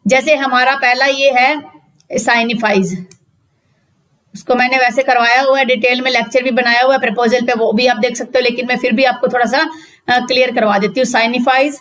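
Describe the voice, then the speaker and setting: Woman law tutor, high-pitched, patient step-by-step explainer who quizzes her class. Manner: explains step by step, repeats questions and answers to students. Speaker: law teacher. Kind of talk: spoken lecture reading out legal text.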